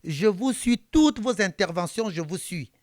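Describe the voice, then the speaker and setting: A man's voice: high voice, animated, measured pace, darkish tone, no echo, clean studio sound. A man quoting an anonymous woman caller who pleads with him insistently at night. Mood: pleading.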